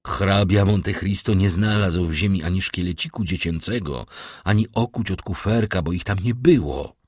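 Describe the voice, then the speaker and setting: A man's voice: low voice, normal speed, a little mellow, slightly rough, no room sound, clean studio sound. Man reading a grave, brooding prosecutor. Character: grave tormented male prosecutor, middle-aged, brooding. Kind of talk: audiobook character reading.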